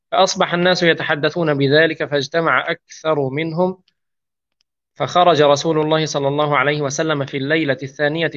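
Male reader, measured hadith recitation, slightly raised pitch, muffled lo-fi recording. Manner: steady measured recitation with small restarts. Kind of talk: reading hadith narrations aloud.

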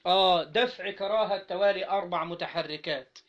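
This Arabic grammar teacher speaks with an Egyptian accent, his voice sitting high and a bit bright. Over a dull lo-fi recording, he asks his class question after question and breaks words into syllables slowly.

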